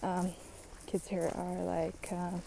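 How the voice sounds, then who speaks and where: Slow-talking young woman venting casually. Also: lowish voice, flat delivery, creaky, noisy background. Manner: chatty, blunt, swears, many fillers. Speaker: vlogger.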